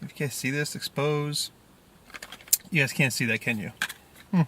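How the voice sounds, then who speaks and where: A man's voice: medium pitch, normal speed, noisy background. A man in his thirties chatting to camera as a vlogger inside a car, loose and rambling. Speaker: film photography vlogger. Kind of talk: casual chat to camera. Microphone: camera mic at arm's length.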